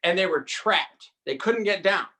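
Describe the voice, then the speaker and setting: Lively pitch, hearty laughter, playful court storyteller, mid-range voice. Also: a little slow. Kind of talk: live court entertainment banter.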